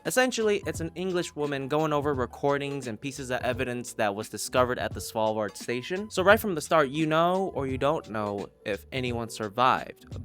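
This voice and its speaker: A podcast reviewer with a mid-range, somewhat bright voice gives a casual review laced with profanity. His manner is emphatic, rambling, and irreverent.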